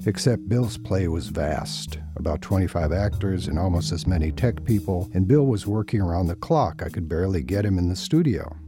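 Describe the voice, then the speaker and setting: A male podcast host with a low voice and lively intonation. He narrates like a wry, self-deprecating storyteller, with music playing clearly behind him. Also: moderate pace, few pauses. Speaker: podcast host and series writer-producer.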